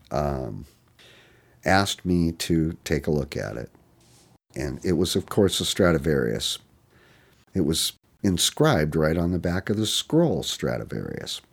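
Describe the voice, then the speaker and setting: Very low-voiced older man telling anecdotes. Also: darkish tone. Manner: rambling, chuckling anecdotes. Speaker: violin and bow maker. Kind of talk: storytelling in an interview.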